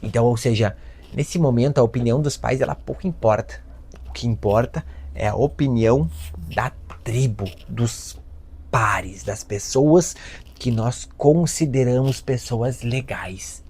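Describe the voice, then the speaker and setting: Homem, sotaque brasileiro, palestra motivacional, tom de conversa animado. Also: male voice, medium pitch, unhurried, breathy edge. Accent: Brazilian Portuguese. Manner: lively storyteller, acts out voices of children and parents. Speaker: self-help speaker. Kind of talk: lecture with acted anecdotes.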